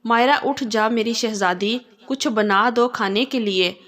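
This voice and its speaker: Fond playful young husband, read by a woman, somewhat high voice, storybook telling. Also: measured pace, fairly bright tone. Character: affectionate teasing young husband.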